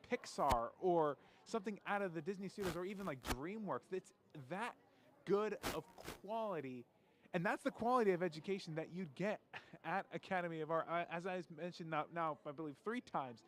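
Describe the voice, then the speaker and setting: Guy hosting a live show at a showcase, super eager, keeps repeating words, pretty high voice. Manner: enthusiastic, repetitive, with stumbles. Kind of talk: live event reporting.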